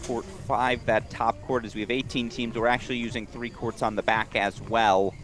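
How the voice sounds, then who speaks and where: A man's voice: medium pitch, little pitch movement, moderate pace, fairly bright tone. A man hosting a tennis camp event, interviewing counselors and narrating the action with upbeat enthusiasm. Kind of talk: live event commentary and interviews. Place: outdoor tennis courts. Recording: music playing behind.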